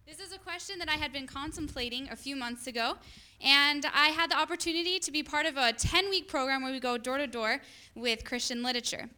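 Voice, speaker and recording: A young woman shares a personal testimony in a high, bright voice. She tells it earnestly, like a student recalling an experience that moved her. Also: a little fast. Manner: earnest storytelling. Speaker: student literature evangelist.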